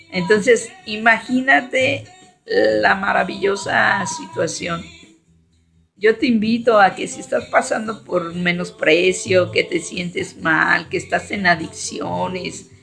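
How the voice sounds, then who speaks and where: A woman's voice: medium pitch, vocal fry, fairly bright tone. A middle-aged woman gives an earnest religious testimony, often ending her phrases with tag questions. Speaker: testifying believer.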